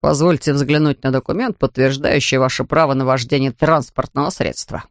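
A man's voice: a little high, a little fast, dry recording, pitched below the performer's own voice, natural voice. A man voicing a stern, weary male police officer in an audiobook, with a dry, official manner of speaking. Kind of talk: audiobook character voice.

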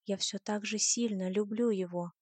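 A woman narrates a first-person novel with even, expressive storytelling. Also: medium pitch, moderate pace, no room sound. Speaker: audiobook narrator.

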